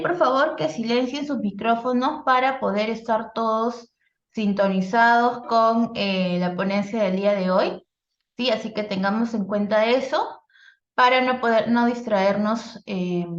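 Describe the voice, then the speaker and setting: A woman's voice: a little high, measured pace. A woman, a speech therapist, giving a live online workshop in an explanatory teaching style, often checking in with "no?" and filler sounds. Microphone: video call. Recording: echoey lo-fi video call audio.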